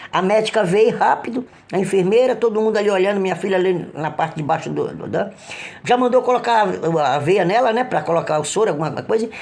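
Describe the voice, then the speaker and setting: A middle-aged man with a Brazilian Portuguese accent giving an emotional personal religious testimony, halting and earnest, with frequent restarts. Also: sits high, vocal fry, a little mellow. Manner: halting, with repeated restarts and trailing phrases; earnest, pleading when retelling cries for help.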